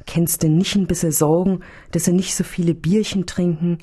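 A woman's voice: lowish voice, fairly even intonation, normal speed, dark tone, husky. Woman voicing fussy old nun-nurse. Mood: fretting prayer. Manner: fussy, sighing, praying aloud. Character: kindly pious old nun-nurse, childlike cheer.

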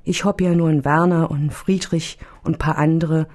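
A woman's voice: sits low, fairly even intonation, moderate pace, darkish tone, natural voice. Woman voicing fussy old nun-nurse. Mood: fretting prayer. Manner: fussy, sighing, praying aloud. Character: kindly pious old nun-nurse, childlike cheer.

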